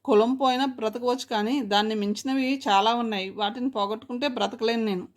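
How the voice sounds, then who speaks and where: A woman's voice: on the high side, steady tone, fairly quick, lightly acted. A woman voicing a proud, dignified young woman who answers firmly in a read-aloud story.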